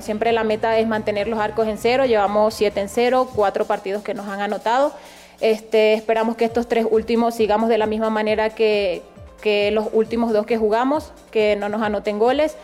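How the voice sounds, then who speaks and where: A woman's voice: a little high, darkish tone. A woman with a Venezuelan accent answering the press as a footballer. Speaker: football goalkeeper. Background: music.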